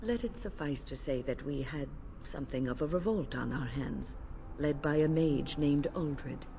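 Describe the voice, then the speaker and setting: In a video game, an actress voices a grave, protective older female mage, speaking in a formal, measured manner. Her voice is deep and mellow, with slight background noise.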